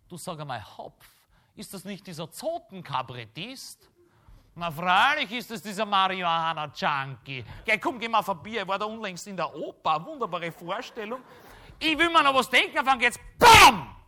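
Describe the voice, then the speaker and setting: A man with a Viennese accent doing a stand-up comedy monologue, telling a story with lively asides and tag questions. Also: high voice. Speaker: cabaret comedian.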